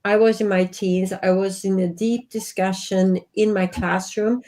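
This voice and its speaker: Her pitch is medium and her intonation fairly even, delivered at a measured pace with a mellow quality. She is a Swedish woman in her fifties with a Swedish accent, earnestly reflecting as an interview guest over video call from her home office.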